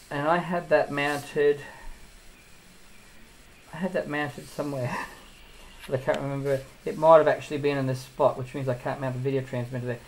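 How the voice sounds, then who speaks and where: A man's voice: medium pitch, gravelly, slight background noise, rough recording. A man giving a casual hands-on tutorial as he builds a drone, thinking aloud and drifting into asides.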